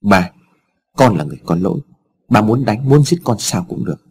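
A man voicing an earnest young son who pleads calmly and firmly, in a storybook reading. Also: lowish voice, normal speed. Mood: firm pleading. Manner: calm, firm and pleading.

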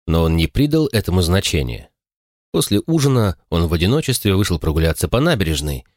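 This is a man narrating an audiobook. His voice is deep, and his intonation rises and falls in an expressive storytelling manner. The recording is dry and close. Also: no echo. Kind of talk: scripted narration.

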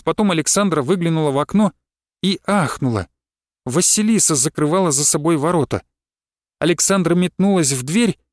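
A man's voice: fairly high pitch, no room sound. Man reading a story, dry close sound. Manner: calm, measured storytelling. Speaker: narrator. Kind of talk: audiobook reading.

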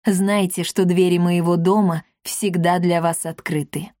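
A woman voicing a calm, kindly old grandfather in a storybook reading, close to her own voice. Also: lowish voice, unhurried, no room sound, lightly acted.

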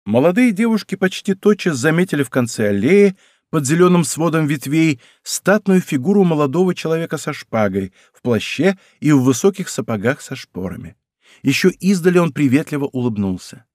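A man's voice: on the high side, very animated, brisk, a little mellow, no echo, studio quality. A man narrating a historical novel as an audiobook, reading expressively. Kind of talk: scripted literary narration.

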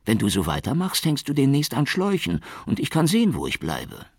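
A motherly older secretary, as a male narrator puts her on, fussing and scolding in a raised, husky voice. Her tone climbs as she warns, recorded close and dry. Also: mid-range voice, wildly swooping pitch, a little fast, no echo, pitched above the performer's own voice, full character voice. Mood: scolding, worried. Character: worried, motherly older female office secretary. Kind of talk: audiobook character voice.

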